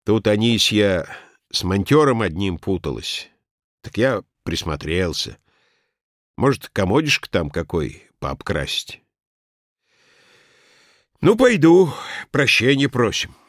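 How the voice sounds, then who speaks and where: A man reading a story aloud and voicing a gruff, stubborn working-class handyman who speaks in rough colloquial phrases. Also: fairly low pitch, sing-song, slow, long pauses, a bit bright, dry recording, clean studio sound, exaggerated voice. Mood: chatty. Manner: rough colloquial speech, offhand and cocky. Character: gruff male handyman, crude, stubborn and boastful.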